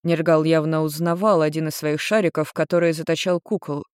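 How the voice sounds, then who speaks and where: A man narrating an audiobook in an even, measured storytelling voice. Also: on the high side, clean tone, no room sound, clean studio sound.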